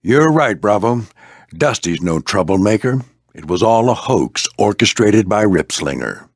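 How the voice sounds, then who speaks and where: An older veteran warplane in an animated video game, a gruff yet fatherly squadron mentor, tells a story at a measured pace with freely shifting pitch. His speech is folksy with clipped military phrasing and heavily acted, recorded dry and close with no room sound.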